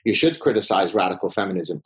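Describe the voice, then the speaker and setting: Talking fast and animatedly in a low-pitched voice, a middle-aged Middle Eastern professor answers a podcast interviewer's questions. A native Arabic speaker, he comes across as confident and combative, with wry humor.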